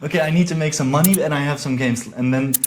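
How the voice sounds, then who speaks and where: A podcast host with a fairly high voice speaks quickly over slight background noise. In a conversational interview he introduces and questions his guest, casual and encouraging, often agreeing with "yeah."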